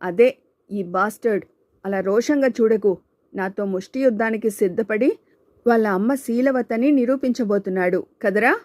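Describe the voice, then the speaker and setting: An arrogant young male bully sneers and taunts, as a woman reads him in an audiobook. The voice stays close to her own dark, mellow tone. The sound is dry and close. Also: a little high, normal speed, no echo, lightly acted. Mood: sneering. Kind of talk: audiobook character voice.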